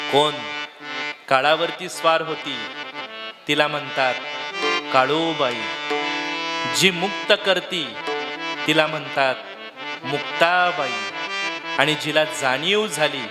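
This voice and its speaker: A man's voice: fairly high pitch, in a large hall. A man preaching a devotional sermon, telling stories, quizzing his listeners and breaking into song. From Maharashtra. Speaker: kirtan preacher.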